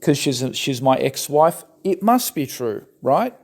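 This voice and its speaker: A man's voice: mid-range voice, sing-song, measured pace. A young man from the West with a Turkish background, giving argumentative, sarcastic rebuttal commentary. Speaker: religious commentator.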